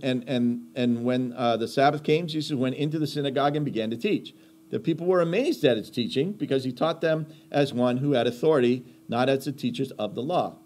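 A man's voice: mid-range voice, a little mellow. Emphatic man preaching in a conversational way. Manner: emphatic, rhetorical questions, repeats key phrases. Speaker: Bible teacher. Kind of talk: conversational sermon teaching.

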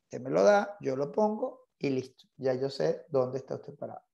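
A man's voice: medium pitch, expressive, normal speed, vocal fry, dark tone, highs cut off. A man leading an online real estate training class, insistent and repetitive, mixing English terms into his Spanish.

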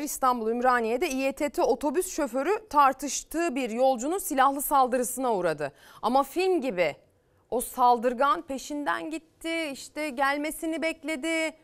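Smooth-voiced woman anchoring morning news. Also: a little high. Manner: reads out viewer messages and comments on them. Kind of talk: weekend morning news presenting.

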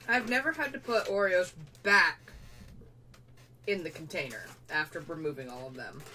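With a lowish, bright and forceful voice at a moderate pace, a young woman chats through a relaxed unboxing vlog. She's playful and self-deprecating and sometimes speaks while eating. The recording comes from a distant mic with a little room noise.

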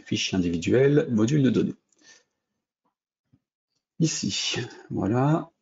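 A French man with a low, gravelly, dark voice walks through a coding tutorial, thinking aloud with frequent hesitations and restarts. The audio is dull and lo-fi, with mouse clicks behind him. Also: lively intonation, slow pace. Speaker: programming instructor. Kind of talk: screen-recorded coding tutorial.

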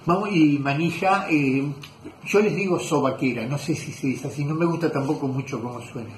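A man's voice: a little high, normal speed. Argentine guy chatting in his leather shop, lots of ums, roomy sound, faint hum behind. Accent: Argentine Spanish. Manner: rambling, self-correcting with many fillers. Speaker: leatherwork teacher. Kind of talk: casual workshop chat. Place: leather workshop. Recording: echoey workshop room.

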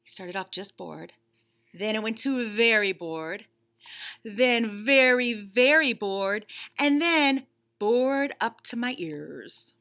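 Slow and expressive, a woman in her thirties reads a children's picture book aloud, her voice a little high and a bit bright. Like a teacher, she stresses words and instructs as she goes, sitting in a small indoor room.

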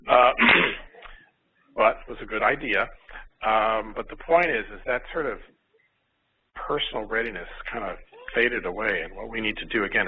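An older man from Florida, a pediatrician, giving a conference lecture in a hesitant way with many fillers and restarts. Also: on the low side. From Miami, Florida. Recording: tinny phone-like recording, faint noise.

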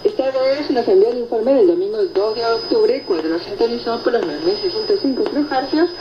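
A woman with a fairly high, lively voice hosts a radio program, speaking fairly quickly while she reads and answers listener reports in a conversational way. The shortwave signal is noisy, muffled, and echoey, with loud static throughout.

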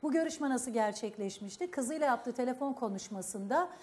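A woman's voice: on the high side, lively intonation, normal speed, a little mellow, a little hiss or hum. A woman presenting a live studio talk show, briefing viewers and questioning her guests. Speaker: TV program host.

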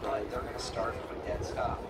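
A man giving live race commentary, explaining the start and the drivers in a steady play-by-play manner. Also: fairly low pitch, brisk. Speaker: race announcer. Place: outdoor racetrack, heard from the grandstand. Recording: distant loudspeaker sound, loud outdoor noise.

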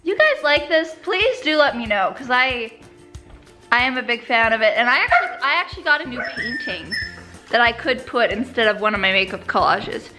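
A woman's voice: a little high, sing-song, fairly quick, bright, forceful tone, faint music behind. A young woman from the United States chatting casually to camera in a vlog, giggly and full of fillers. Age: young adult. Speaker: vlogger.

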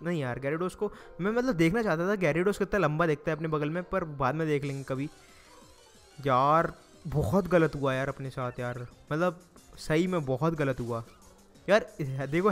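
A young Indian man with a Hindi accent and a slightly high voice talks through his game in a loose, chatty way. He groans and pleads with the game, and faint game music plays under him. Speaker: gaming YouTuber. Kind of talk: casual Let's Play commentary.

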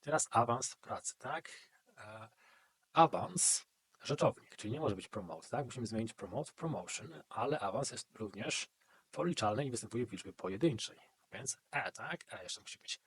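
A man with a Polish accent teaches an English exam-prep grammar lesson, walking through it step by step and repeatedly checking in with a questioning "right?". His medium-pitched voice is expressive, fairly bright and a little breathy, at a moderate pace.

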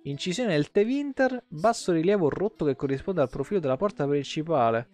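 Speaking fairly quickly and with animation, a game streamer uses a slightly high, somewhat mellow voice. He delivers sweary, irreverent commentary live, reading lore with offhand asides as game music plays.

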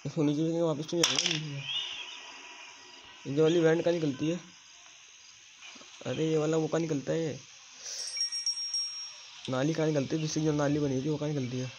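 A man's voice: a little high, fairly even intonation, normal speed, pauses often, background noise. A man commentating live gameplay, urgently repeating commands to his partner. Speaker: gamer playing with a partner. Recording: dull lo-fi audio over game music.

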